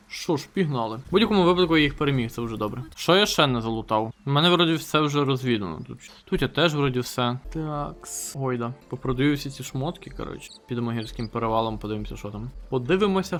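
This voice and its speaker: A man streaming a role-playing game, chatting fast and excitably with his chat, swearing and reading game text aloud. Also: medium pitch. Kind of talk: casual game stream commentary.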